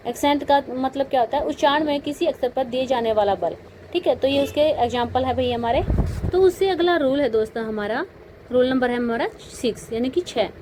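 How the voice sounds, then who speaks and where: A woman with a fairly high voice teaches a spoken grammar lesson, spelling out each word letter by letter and asking her own rhetorical questions. Faint traffic hums in the background. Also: fairly quick, a little mellow, poor audio. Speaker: English teacher.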